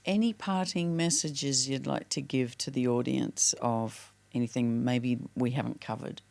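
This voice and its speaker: Gravelly-voiced host, effusive and supportive. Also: mid-range voice, a little mellow. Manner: effusive and supportive, quick to praise. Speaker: podcast host. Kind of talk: casual interview talk.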